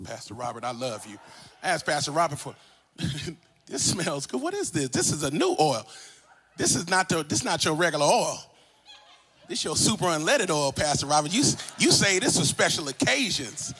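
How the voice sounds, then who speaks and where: A man pastor preaching a sermon in a church, swinging from soft asides to sung, shouted calls and responses. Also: on the high side, very animated, normal speed, slight background noise. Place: large church sanctuary.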